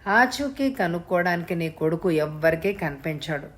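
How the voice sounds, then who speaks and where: Woman voicing a hoarse, scornful male kidnapper. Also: lowish voice, lively intonation, fairly bright tone. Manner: cool, scornful, unhurried.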